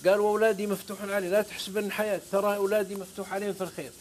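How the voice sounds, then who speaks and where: This man, a Saudi-accented guest preacher, races along in a high, level voice as he recounts stories on a talk show, punctuating them with passionate oaths and verses from scripture.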